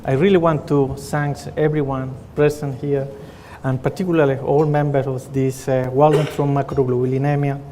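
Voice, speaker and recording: A man's voice: mid-range voice, flat delivery, normal speed, hardly any pauses, dark tone, a little hiss or hum. A middle-aged man from Chile with a Chilean Spanish accent, giving an earnest conference presentation as a pathologist, with frequent fillers and restarts. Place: conference hall. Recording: reverberant conference hall.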